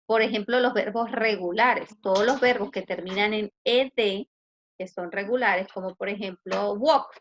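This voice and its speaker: Chilean woman teacher, patient online lesson, highish voice, muffled video-call audio. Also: a bit bright. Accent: Chilean Spanish. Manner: patient, explanatory, asks students questions. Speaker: English teacher.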